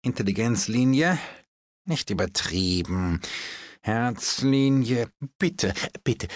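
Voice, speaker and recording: A man voicing a slow, ingratiating male palm reader in an audiobook. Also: medium pitch, expressive, dry recording. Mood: deliberate. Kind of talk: audiobook character voice.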